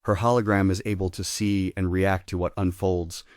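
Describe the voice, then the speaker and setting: Reading stage directions from a play script, a male narrator speaks at normal speed in a deep, darkish voice with a level tone. The recording is dry, capturing very little room sound.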